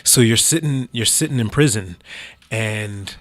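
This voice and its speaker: A man's voice: lowish voice, measured pace. A man hosting a casual interview, asking blunt, profane questions that he restarts several times. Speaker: podcast host.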